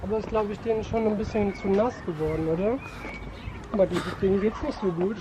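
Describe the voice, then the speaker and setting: A woman's voice: medium pitch, fairly even intonation, fairly quick, dull audio. A woman chatting casually with the vlogger, making dry, teasing remarks. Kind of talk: casual chat. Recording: loud background noise.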